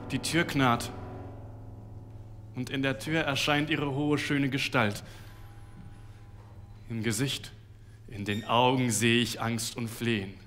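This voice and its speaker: A man giving a dramatic literary reading, intense and building to shouted outbursts. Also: mid-range voice. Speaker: reader.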